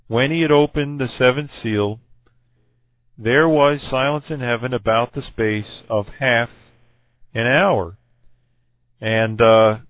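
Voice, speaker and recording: A man arguing over scripture with a halting, self-correcting delivery full of fillers. His voice is going hoarse. The sound is dry and tinny, like a phone line. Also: mid-range voice, no room sound. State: losing his voice. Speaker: Bible debater. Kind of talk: recorded argument addressed to another person.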